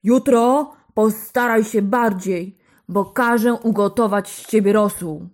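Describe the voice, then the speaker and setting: A man-eating giant from a children's storybook, played by a woman storyteller. He roars his lines slowly and loudly, threatening and greedy. Heavy, deliberate delivery. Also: mid-range voice, big pitch swings. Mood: roaring. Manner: roaring, menacing. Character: loud slow-spoken man-eating male giant.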